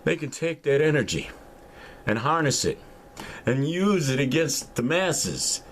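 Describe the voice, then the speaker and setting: Older man, gravelly, profane mocking rant, wild pitch swings. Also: very animated, measured pace, a little hiss or hum. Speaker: vlogger. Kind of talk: angry ranting monologue.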